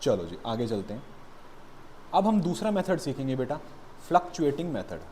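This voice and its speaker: A man's voice: mid-range voice, big pitch swings, moderate pace, a little mellow, slight background noise. Blunt, fatherly man teaching accountancy. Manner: calls students "beta", blunt motivational scolding. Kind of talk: classroom lecture.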